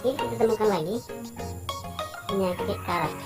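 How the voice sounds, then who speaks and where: A man explaining plant disease in a casual, hurried way, with his voice run through a chipmunk voice changer. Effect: pitched-up chipmunk voice changer. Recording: distant voice under loud music.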